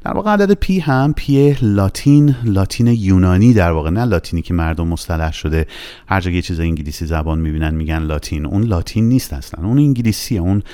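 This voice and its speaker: A patient male language teacher, explaining letters and sounding out example words slowly and deliberately. His voice sits very low, yet it rises and falls a great deal as he stresses points. The tone is dark and mellow. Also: expressive, no echo. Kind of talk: recorded Russian lesson in Persian.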